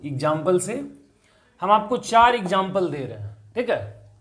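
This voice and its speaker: High-voiced teacher quizzing students. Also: male voice, very animated, a little slow, fairly bright tone. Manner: repeats questions to students, counts aloud. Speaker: chemistry teacher. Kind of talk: explaining on a whiteboard.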